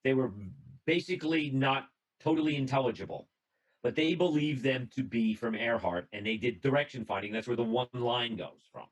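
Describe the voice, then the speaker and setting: Over a video call on a computer mic, a man gives an illustrated presentation to a radio club, telling the story conversationally and reading out notes with small restarts. His voice is mid-range at a normal speed, and the recording quality is low.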